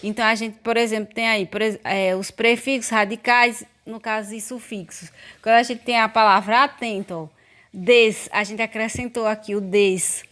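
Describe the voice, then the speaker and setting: A woman teacher with a Brazilian Portuguese accent gives a recorded school lesson. Her voice sits a little high, and she explains each point slowly and patiently. She keeps pointing out examples to her students as she goes. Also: steady tone, fairly bright tone.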